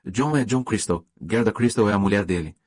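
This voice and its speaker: A man's voice: lowish voice, fairly quick, a little mellow, no echo, close to an everyday voice. A man reading the part of a gracious, vague older lady hostess who chats apologetically in an audiobook. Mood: chatty. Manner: apologetic, chatty, socially polite.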